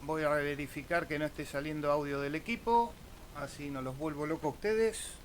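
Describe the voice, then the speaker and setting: Fairly quick and a little high-pitched, this Argentine-accented man hosts a casual on-screen tutorial as a video host and ham radio operator. He hesitates now and then and adds small checking tags to his explanations. Slight background noise can be heard.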